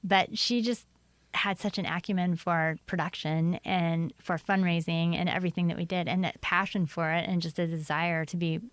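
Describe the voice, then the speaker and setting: A woman guest on a podcast speaks with a smooth, clear voice pitched on the lower side. She is bubbly and enthusiastic, running her thoughts together with easy fillers. The recording is close and dry. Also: steady tone, moderate pace, dry recording. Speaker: guest filmmaker. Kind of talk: casual interview chat.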